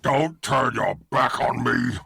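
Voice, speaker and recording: Raging monstrous crocodile villain, slow and gravelly. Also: male voice, medium pitch, steady tone. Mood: menacing. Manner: menacing, shouted threats. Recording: noisy recording with clicks.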